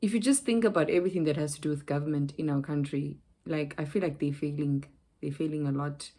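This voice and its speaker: A young woman with a South African accent talks straight to her camera in a loose, rambling way, full of fillers, restarts and side tracks. Her voice sits low and lands heavily. She tells her story the way she would tell a friend. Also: fast, mellow. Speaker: vlogger. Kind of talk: casual chat to camera.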